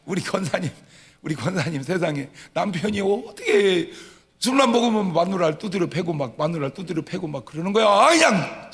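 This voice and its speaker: A man preaching a lively Sunday sermon as pastor, telling stories with acted-out dialogue and swinging from loud shouts to quiet asides. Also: sits high, brisk. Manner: humorous storytelling with acted-out dialogue. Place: church sanctuary. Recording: long hall reverb of a church.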